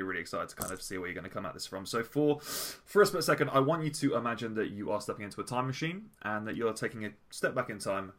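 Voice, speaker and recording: A man's voice: on the low side, fairly bright tone. A man hosting a podcast, talking casually with plenty of fillers and swearing. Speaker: podcast host.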